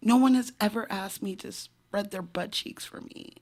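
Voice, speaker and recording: A woman's voice: medium pitch, moderate pace, darkish tone, close to an everyday voice. A woman voicing a frank, coy professional woman who speaks in a dry, matter-of-fact way, in a comedic scripted read. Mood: deadpan.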